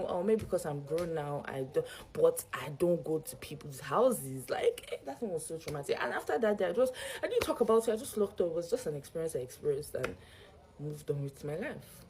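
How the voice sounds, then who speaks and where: A young woman with a Nigerian accent telling a personal story to camera in a casual, animated way, acting out the exchanges and slipping into Pidgin. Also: low voice, slight background noise, low-quality recording. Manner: animated retelling with quoted exchanges, some Pidgin. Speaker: vlogger.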